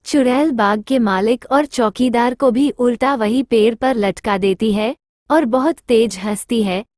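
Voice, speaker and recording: A woman's voice: a little high, a little slow, a little mellow, no echo, clean studio sound. A woman narrating a cartoon story in plain scripted storytelling.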